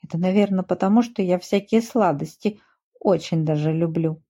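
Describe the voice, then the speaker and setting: A woman's voice: lowish voice, moderate pace, dark tone, breathy edge. A woman voicing a shy, friendly little kid goat who stammers. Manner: timid, stammering. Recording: muffled dull recording.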